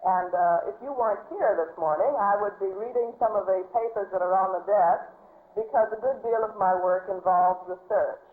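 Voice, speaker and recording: A woman's voice: medium pitch, moderate pace. A young woman answering politely and formally in a 1950s interview as a government adviser. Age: young adult. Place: echoey office. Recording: echoey, phone-like vintage audio.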